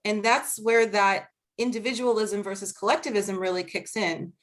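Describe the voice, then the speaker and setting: Speaking with a medium pitch and steady tone, a woman with a Boston accent joins a video-call panel as a guest researcher. Her academic presentation and Q&A come across earnest and measured, with easy laughter at the questions.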